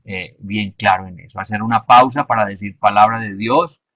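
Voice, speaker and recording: A man giving a measured, explanatory lesson and stressing his key points. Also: lowish voice, bright, forceful tone, dry recording. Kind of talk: instructional talk.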